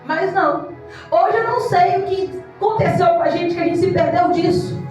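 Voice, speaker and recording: A woman's voice: very high voice, normal speed, darkish tone, soft background music. A woman pastor preaching an impassioned evangelical sermon, acting out the voices of congregants. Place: church hall. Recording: echoey church hall from far off.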